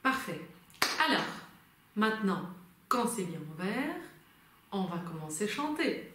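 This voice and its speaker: A woman's voice: medium pitch, very animated, measured pace, a bit bright, a little hiss or hum. A woman singing teacher guiding a vocal lesson patiently, reassuring and coaching step by step. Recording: very echoey room.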